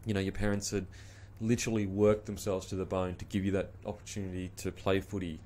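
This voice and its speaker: An Australian man in his thirties hosts a podcast interview from a small studio with a logo backdrop, speaking into a studio mic on a boom arm. His voice is low, mellow and fast with little pitch movement, and he's chatty and encouraging, using casual slang.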